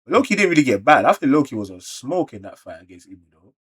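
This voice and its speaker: Speaking fast at a medium pitch, a slangy London reaction creator reads a manga aloud with a slightly rough edge to his voice. His excited exclamations keep breaking up quieter, muttered remarks.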